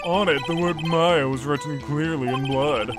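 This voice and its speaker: Man doing a bumbling gruff detective. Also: on the high side, fairly even intonation, moderate pace, music in the background, close to an everyday voice. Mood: boastful. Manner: flustered, stammering, says "pal".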